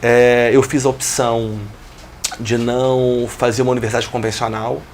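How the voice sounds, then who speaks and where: This interview guest, a man from Brazil in his forties, reflects on building his business in steady storytelling full of business jargon. He talks at a moderate pace in a middle-pitched voice with a gravelly, fry-tinged quality, and the recording carries a faint noise.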